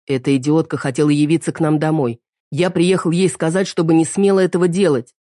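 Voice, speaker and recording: A woman's voice: deep voice, fairly even intonation, brisk, dark tone, dry recording, clean studio sound, close to an everyday voice. A woman reading the lines of a harried father who pleads with his wife and daughter. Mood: pleading. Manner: pleading, defensive.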